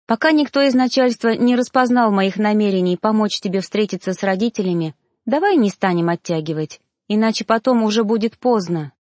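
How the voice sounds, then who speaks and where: A woman as a gentle, steady female reaper. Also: medium pitch, brisk, hardly any pauses, dry recording, studio quality, natural voice. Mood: gentle, firm. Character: calm, kind female reaper, young adult.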